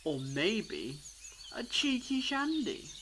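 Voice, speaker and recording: A man's voice: high-pitched, sing-song, slow pace, a bit bright, slight background noise, full character voice. A man playing a clever, theatrical, reassuring alien time traveller in a fan audio drama, explaining things eloquently. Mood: light, chatty.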